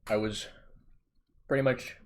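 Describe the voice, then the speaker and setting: A man telling a comic tale in a boastful, exaggerated way, swinging between loud bursts and mutters. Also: on the low side, steady tone, unhurried. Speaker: vlogger. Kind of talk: comedic storytelling.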